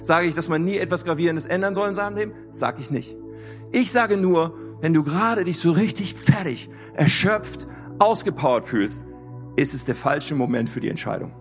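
A man's voice: a little high, animated, moderate pace, faint music behind. A man preaching a sermon, emphatic, repeating key phrases and asking rhetorical questions. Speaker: pastor.

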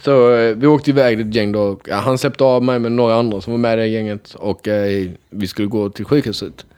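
A young man casually telling a chaotic story to friends, animated, laughing often and swearing freely. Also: on the low side, clean tone.

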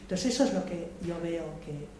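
Heard from far off in an echoey large hall with faint noise, an older woman from Madrid speaks at a public debate session. Her fairly low, mellow voice has lively intonation and a normal speed, and her spontaneous political talk is reflective and hesitant, full of restarts and repeated words.

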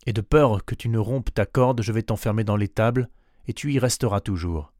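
A man playing a worried old goat farmer who pleads and exclaims, louder and higher than his narrating voice. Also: moderate pace, no room sound, studio quality, natural voice. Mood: alarmed. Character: anxious old male goat farmer, fretful and doting.

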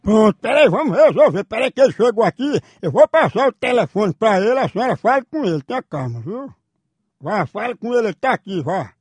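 A man, hosting a prank phone call, insistent and fast-talking. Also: sits high, sing-song, breathy edge, dry recording, studio quality. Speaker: prank-calling radio host.

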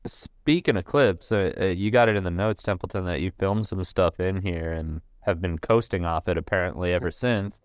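A man with a low, smooth voice jumps into a podcast chat with eager stories. His tone is resonant and the recording dry and close. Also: normal speed, hardly any pauses, dry recording. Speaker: podcast co-host.

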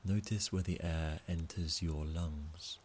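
A man calmly leading a guided breathing meditation, speaking softly and counting out each breath. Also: a bass voice, takes it slowly, a little hiss or hum. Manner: calm, soft, counting out breaths. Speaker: relaxation guide.

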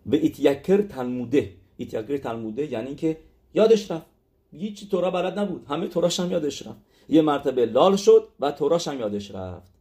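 A man's voice: fairly high pitch, very animated, warm tone. A man teaching a religious text lesson, explaining step by step with frequent hesitations and fillers.

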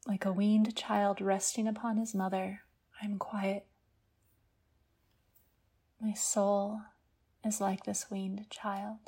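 Soft, slow, breathy woman guiding sleepy meditation. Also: mid-range voice, level tone. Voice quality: soft, breathy, partly whispered. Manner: hushed, gentle, unhurried delivery with long pauses. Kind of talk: soothing guided meditation, like a sleep story narrator.

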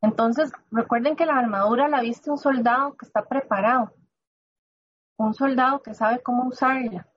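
A woman's voice: fairly high pitch, normal speed, husky, dull audio. A woman preaching an earnest, conversational sermon. She speaks straight to her listeners and often stops to restart a phrase.

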